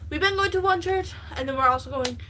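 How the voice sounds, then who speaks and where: A woman livestreaming, telling stories in a rambling, excitable, casual way. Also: sits high, quick pace, a little hiss or hum, poor audio.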